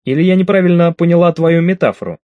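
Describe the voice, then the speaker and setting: A man's voice: a little high, expressive, fast, no room sound, narrow, tinny audio, pitched above the performer's own voice, close to an everyday voice. Prim female alien in an audiobook, read by a man in his plain voice: formal, exact, a touch haughty, dry close sound.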